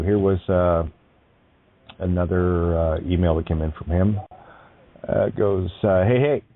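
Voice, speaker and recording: Guy with a really deep voice hosting an online show, lots of uhs, sounds like he's on a phone line. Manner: halting, many fillers, chuckles often. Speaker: online radio show host. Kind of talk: casual talk show, reading listener emails. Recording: tinny phone-like line, dry.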